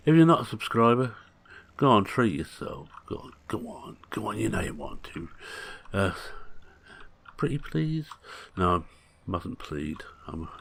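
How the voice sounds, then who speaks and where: Gravelly low-voiced older man. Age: 60s. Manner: chatty, rambling, jokey asides. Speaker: gaming channel host. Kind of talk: casual gameplay commentary.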